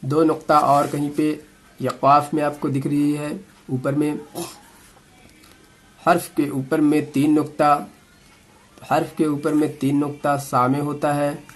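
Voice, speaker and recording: Slow, patient Quran reading teacher, male. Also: fairly high pitch, flat delivery, soft background music. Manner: patient, repeats each letter slowly and demonstrates sounds. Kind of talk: slow step-by-step lesson.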